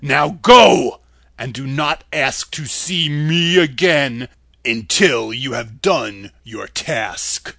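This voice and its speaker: A man voicing a stern, commanding wizard's head, speaking slowly and loudly. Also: medium pitch, no room sound, studio quality. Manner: slow, loud, commanding. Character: Oz as a great head, male, booming and stern.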